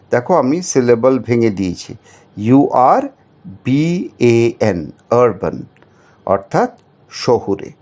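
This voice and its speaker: A man's voice: medium pitch, darkish tone. A man teaching a children's spelling lesson, patiently spelling words out letter by letter and asking the viewers questions.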